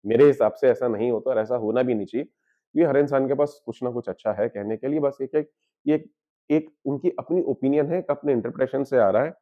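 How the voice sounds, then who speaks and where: A man's voice: mid-range voice, brisk. Guy explaining spiritual stuff, asks then answers his own questions, mixes in english words, kinda muffled audio. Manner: switches freely between Hindi and English. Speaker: astrologer.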